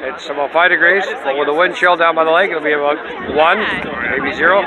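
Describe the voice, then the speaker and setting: A man's voice: on the high side, steady tone, fast, poor audio. A man in his fifties with a Canadian accent, chatting casually and jokingly to a phone held at arm's length outdoors. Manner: jokey banter. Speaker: event vlogger interviewing friends. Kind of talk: casual chat to camera. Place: outdoors in a crowded lakeside park. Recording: outdoor phone video amid crowd noise. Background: crowd chatter.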